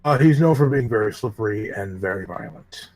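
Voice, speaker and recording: A man running a tabletop game as game master, talking in a relaxed, casual, slightly rambling way. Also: lowish voice, brisk.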